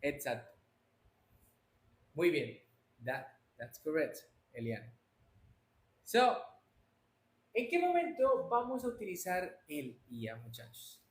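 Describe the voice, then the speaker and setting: Hombre profesor de inglés, voz algo aguda. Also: male voice, a little high, huge pitch swings, slow pace, long pauses. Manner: answers students by name, mixes Spanish and English. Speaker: English teacher. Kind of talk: live online class. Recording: roomy echo, faint noise.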